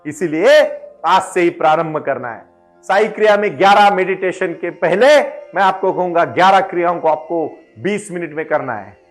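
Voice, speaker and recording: A man's voice: high voice, expressive, moderate pace, soft background music. A man giving an emphatic devotional motivational address, building into fervent exhortation. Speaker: motivational spiritual speaker.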